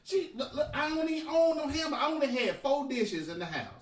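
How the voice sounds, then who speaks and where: A man telling a profane, animated story on a podcast and laughing often. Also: very high-pitched, brisk, distant mic. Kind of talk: casual storytelling. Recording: echoey room, off-mic.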